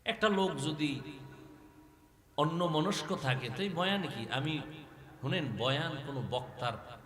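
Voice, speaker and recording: A man preaching a waz sermon under a pandal, chanting melodically and swinging from soft passages to loud, dramatic exclamations. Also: on the high side, expressive, a little slow. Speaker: Islamic preacher. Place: religious gathering under a pandal. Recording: echoey hall with long reverb.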